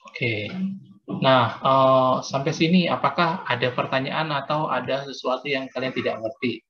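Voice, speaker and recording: A man's voice: mid-range voice, normal speed. Casual male teacher on a dull video call. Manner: casual, patient, with frequent fillers. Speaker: religion teacher. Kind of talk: explaining an exam to students on a video call.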